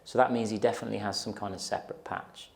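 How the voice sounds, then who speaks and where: A young man's fairly low, creaky voice comes through fast and flat as he gives a casual step-by-step guitar lesson on a lapel mic. Electric guitar plays in his small indoor studio, a little hiss or hum sits in the audio, and he counts beats aloud.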